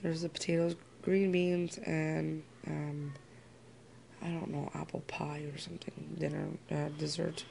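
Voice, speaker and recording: A family vlogger talks casually to her camera, showing off her garden and her lunch at home and sometimes out in the backyard. Her voice is low, flat, a little slow, gravelly and warm, with a little hiss or hum in the audio.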